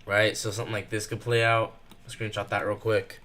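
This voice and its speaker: A nervous young man giving fast live commentary while trading, thinking out loud and rushing his words. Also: on the low side, level tone. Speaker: day trader streaming live.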